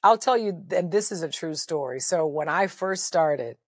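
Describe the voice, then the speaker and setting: A middle-aged woman with a deep, bass-heavy voice, a guest telling her story emphatically in an interview. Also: lively intonation, normal speed, no echo, clean studio sound. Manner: emphatic, preacher-like delivery with repetition.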